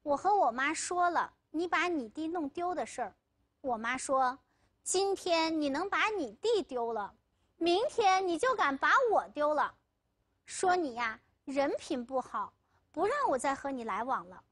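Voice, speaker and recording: A woman's voice: sits high, lively intonation, unhurried, a bit bright. A woman lecturer voicing a worried but firm young village woman, the girlfriend in a told story. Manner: anxious, then firmly refusing.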